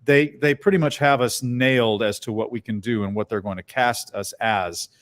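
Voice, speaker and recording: Casual interview talk comes from a bass-baritone voice actor in middle age. He's an animated storyteller who keeps flashing into short, lively character voices.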